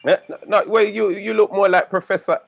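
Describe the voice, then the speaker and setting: Jovial man, higher voice, dry sound. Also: steady tone, fairly quick, gravelly, no room sound. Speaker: guest. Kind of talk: casual banter.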